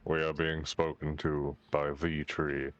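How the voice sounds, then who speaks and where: Deep voiced guy playing tabletop rpg, casual talk, bit dull lo-fi mic. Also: little pitch movement, unhurried. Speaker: tabletop game player. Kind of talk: casual game chat. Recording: slightly dull, lo-fi voice audio.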